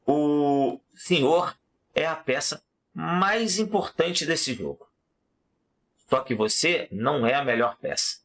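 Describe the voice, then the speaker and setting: A man voicing an impatient, proud king in a storytelling lesson, talking in an excited, demanding way. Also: fairly high pitch, takes it slowly, exaggerated voice. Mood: impatient, indignant.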